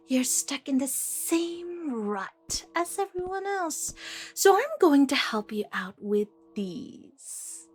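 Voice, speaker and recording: A woman's voice: sits high, fairly bright tone, full character voice. A woman playing a deranged, playful and menacing female villain in an ASMR audio roleplay, taunting and theatrical as the delivery moves between whispers and outbursts.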